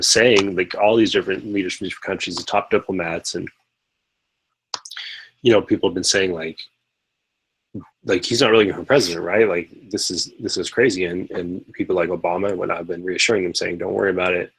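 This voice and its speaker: A man co-hosts a live stream in a low, gravelly voice that stays fairly flat. He rambles through his points with lots of fillers and restarts. His tone is a little husky. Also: poor audio. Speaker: podcast co-host. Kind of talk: casual political discussion.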